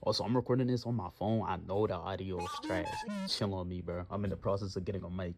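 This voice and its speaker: A man's voice: sits low, fairly even intonation, fast, music in the background. A man of twenty thanking his viewers in slangy, joking casual talk, recorded on a phone. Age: 20s. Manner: slangy, joking, trash-talking. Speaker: YouTuber.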